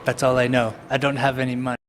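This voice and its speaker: A man's voice: mid-range voice, monotone, fast, a little hiss or hum. A man giving casual answers in a street interview.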